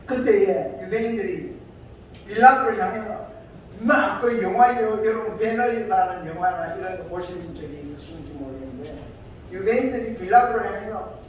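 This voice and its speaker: Male pastor, sermon storyteller, high-ish voice, very echoey room, distant mic. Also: slight background noise. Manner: conversational storytelling with many filler pauses. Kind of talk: sermon retelling a scripture story. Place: church sanctuary.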